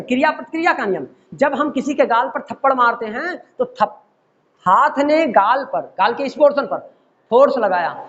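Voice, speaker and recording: Male teacher, classroom lecture, checks understanding often, dull lo-fi sound. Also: very high-pitched. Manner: explains with everyday examples, often checks if students understand. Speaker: physics teacher.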